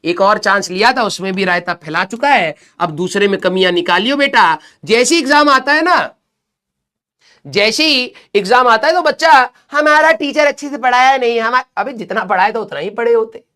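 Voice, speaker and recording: A man who teaches exam coaching, giving students blunt motivational advice in an animated, sarcastic, ranting way and telling stories to make his point. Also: sits high, normal speed. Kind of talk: motivational advice talk with storytelling.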